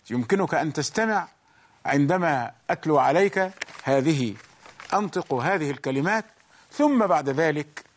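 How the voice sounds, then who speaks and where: Man, recitation teacher, deliberate, high-pitched. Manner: slow, deliberate explanations, chanting the examples. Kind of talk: bilingual tajweed lesson.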